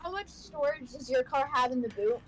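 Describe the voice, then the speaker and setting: A woman's voice: sits high, fairly quick, slight background noise, poor audio. A woman co-hosting a gaming video in casual chat, bossy and teasing with playful drama.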